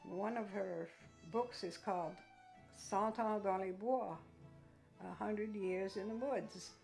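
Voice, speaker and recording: An older woman, recounting history in a halting, reflective interview style. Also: medium pitch, vocal fry, a little mellow, soft background music. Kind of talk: informal spoken history interview.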